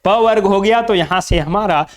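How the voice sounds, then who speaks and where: A man teaching an exam-prep lesson from Jharkhand, drilling mnemonics by asking and answering his own questions. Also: high voice. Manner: repetitive call-and-response drilling, asks and answers own questions; chants mnemonics slowly.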